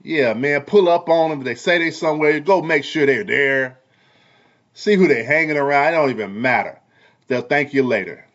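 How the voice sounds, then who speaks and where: A man who is a parent and a barber, talking heatedly in a casual commentary vlog, repeating himself in a preachy way and swinging between loud and soft. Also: fairly high pitch, moderate pace, lo-fi sound. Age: adult parent. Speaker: vlogger and barber.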